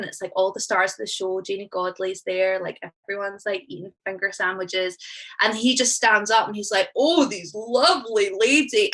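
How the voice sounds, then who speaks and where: Bright-voiced Scottish woman poet. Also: fairly high pitch, low-quality recording. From Scotland. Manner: chatty, sweary and self-deprecating between poems. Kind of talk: spoken word poetry and storytelling at a live event. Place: live stage event.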